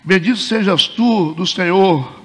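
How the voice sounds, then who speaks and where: An evasive king full of glib pious phrases, played by a man. The voice is fairly high. It carries a long reverb from a large hall. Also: measured pace, a bit bright, slightly rough, heavily acted. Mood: falsely pious.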